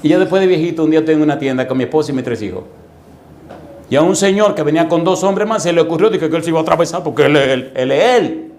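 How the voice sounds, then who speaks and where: A male pastor preaching a sermon, telling lively stories with sound effects and repeated rhetorical questions. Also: a little high, very fast. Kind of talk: storytelling sermon.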